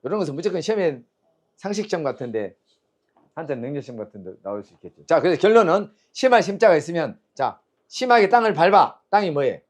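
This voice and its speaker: A man's voice: on the high side, big pitch swings, fast. A man teaching Chinese characters and tones, quizzing his students and drilling sounds aloud in a call-and-response lecture.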